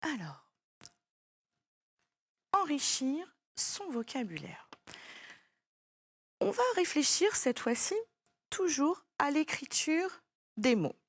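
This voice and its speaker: A woman's voice: sits high, big pitch swings, slow pace, pauses often, dry recording. A woman teaching a child French spelling, patiently spelling words out letter by letter.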